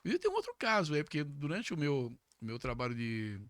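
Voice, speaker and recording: A middle-aged man from São tells stories on a podcast in a casual, animated way, jumping higher when he quotes others. His voice is bright and somewhat high for a man. It is recorded close and dry. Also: brisk, no room sound. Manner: animated, jumps to high pitch when acting out quoted speech. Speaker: podcast guest. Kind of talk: casual storytelling.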